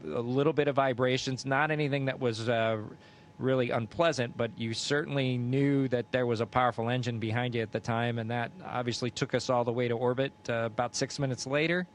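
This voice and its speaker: A man speaking as an astronaut, recounting things matter-of-factly and haltingly in an unscripted way. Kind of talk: unscripted recounting in a live downlink event. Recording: space downlink with faint rumbling noise.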